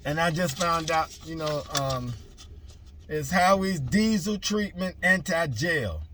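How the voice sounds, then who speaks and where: A man's voice: a little high, animated, slow pace, noisy background. A man who drives trucks and preaches, talking to his viewers in a rambling casual vlog from his truck, full of fillers and repeated greetings. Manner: rambling, repeats "ladies and gentlemen", many fillers. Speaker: minister.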